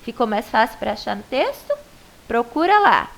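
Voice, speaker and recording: A woman's voice: a little high, big pitch swings, moderate pace, vocal fry, low-quality recording. A Brazilian woman primary school teacher giving a patient, coaxing video lesson to a child, stretching out syllables to show stress.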